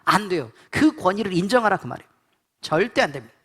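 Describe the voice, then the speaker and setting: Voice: mid-range voice, expressive, fast talker, breathy edge. A pastor preaching a sermon in blunt, colloquial speech, repeatedly quizzing the congregation with call-and-response questions.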